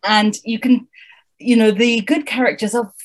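A woman's voice: a little high, moderate pace. A woman co-hosting a casual book-chat podcast, wry and thoughtful, reading passages aloud with relish. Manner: thoughtful, wry, lively reader. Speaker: podcast co-host.

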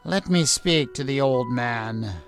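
A man voicing a commanding king, speaking low, firm and measured. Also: animated, music in the background. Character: commanding middle-aged king, weary and firm.

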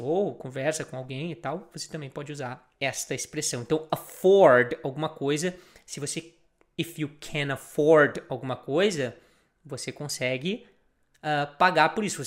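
A man teaching a video lesson, repeating example phrases slowly and deliberately. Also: fairly high pitch. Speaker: language teacher.

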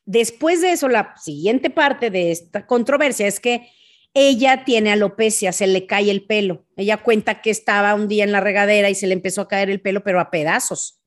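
A woman's voice: mid-range voice, normal speed. Chatty Mexican woman telling a story. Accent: Mexican Spanish. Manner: animated retelling with sound effects and asides. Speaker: podcast host. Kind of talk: casual storytelling monologue.

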